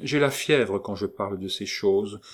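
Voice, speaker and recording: A man reading aloud gives voice to a pious, anxious young woman, speaking in a raised, pleading tone. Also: measured pace. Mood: weary tender. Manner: pleading, emotional, raised pitch.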